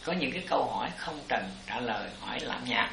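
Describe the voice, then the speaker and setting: A man's voice: medium pitch, lively intonation, quick pace, creaky, reverberant, crowd noise, poor audio. A man teaching as a Buddhist master, explaining to his disciples in a rambling, repetitive way. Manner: rambling explanations, repeats "it" constantly. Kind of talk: dharma talk answering disciples.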